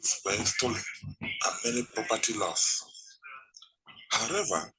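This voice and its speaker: A man reading a formal news report as the correspondent, in a measured voice. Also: on the low side, expressive. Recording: noisy background hiss.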